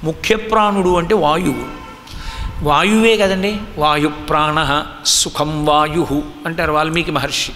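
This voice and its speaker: High, bright-voiced man preaching in a hall. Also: fairly even intonation, unhurried, soft background music. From Andhra region. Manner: emphatic, teaching with rhetorical questions. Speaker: spiritual discourse speaker. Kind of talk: religious discourse. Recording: long hall reverb.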